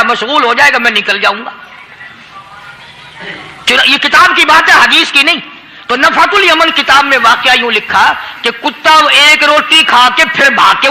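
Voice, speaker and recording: A man with a Pakistani Urdu accent tells a story while preaching an Islamic sermon, his extremely high-pitched voice rising passionately to loud emotional peaks. The audio quality is poor.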